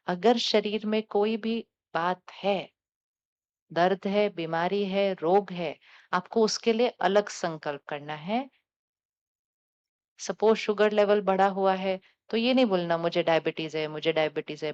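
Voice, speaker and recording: A woman spiritual teacher talks calmly to a live audience, coaxing the listeners with questions and repeated affirmations. Her voice is smooth and clear at a middle pitch. The recording sounds a little dull and lo-fi.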